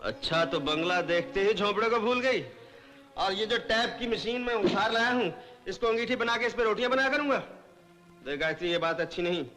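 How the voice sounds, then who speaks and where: A man's voice: high voice, a little fast, pushed and bright, faint music behind. An actor playing a proud, stubborn young man who sulks and mocks in a 1970s Hindi film. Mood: sarcastic. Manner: sarcastic, sulky. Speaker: hotel keeper, big brother.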